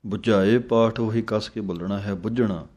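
A man teaching the correct pronunciation of scripture, slowly chanting each verse and then explaining it. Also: fairly low pitch, fairly even intonation, a little mellow. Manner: slow chanting of verses between quick spoken explanations. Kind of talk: step-by-step pronunciation lesson.

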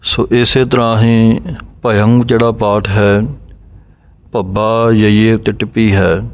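A man teaching the correct recitation of sacred verses, reading each line slowly and then patiently explaining where to pause and how to pronounce each word. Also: on the low side, clean tone. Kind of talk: pronunciation lesson on sacred verses.

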